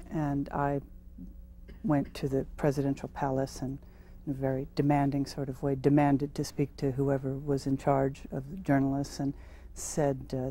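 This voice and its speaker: Brief: middle-aged woman, low mellow voice, panel guest, thoughtful and halting. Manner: thoughtful, hesitant with many fillers. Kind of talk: recounting experiences in a panel discussion. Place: TV studio with audience.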